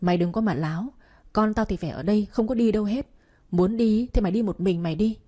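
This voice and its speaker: A woman's voice: medium pitch, fast talker, dark tone, natural voice. A woman voicing a harsh, scornful older mother-in-law who scolds bluntly and dismissively. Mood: scolding.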